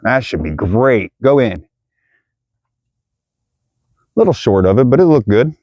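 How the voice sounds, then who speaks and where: A man's voice: medium pitch, sing-song, a little slow, no echo, muffled recording. A man vlogging his disc golf round outdoors, chatting casually to viewers as he plays and sounding out of breath on a hilly course. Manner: chatty, addresses viewers as guys. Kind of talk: casual play-by-play narration.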